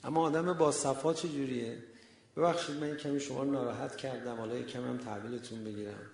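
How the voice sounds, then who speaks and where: A man's voice: medium pitch, fairly even intonation, vocal fry, darkish tone, roomy sound. A man preaching a religious sermon with passion, firing off rhetorical questions at his listeners. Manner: impassioned, full of rhetorical questions.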